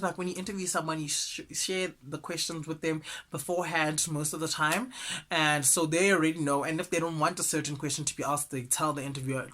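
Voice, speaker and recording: A South African man hosting a casual celebrity news show, chatty and animated, with gossipy asides. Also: on the high side. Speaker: host.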